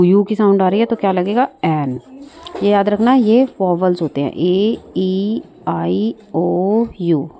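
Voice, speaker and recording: A woman teaches English vocabulary, walking through each word step by step and asking the listener questions. Her voice is mellow and warm, pitched in a middle range. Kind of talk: bilingual vocabulary lesson.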